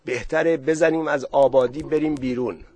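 Man reading as a nervous villager, fearful, raised pitch, dry. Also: fairly even intonation, a little mellow, no echo, close to an everyday voice. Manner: nervous, self-concerned.

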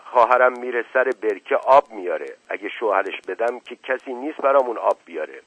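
A man's voice: mid-range voice, animated, fairly bright tone, slightly rough, no echo, voice pushed up. A man voicing a humble, cautious fisherman. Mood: polite. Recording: dull lo-fi radio recording.

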